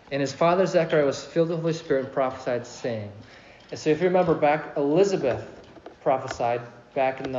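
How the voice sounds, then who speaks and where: A man preaching a sermon as pastor, animated and asking his congregation questions. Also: on the high side, slight background noise. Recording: echoey, dull hall recording.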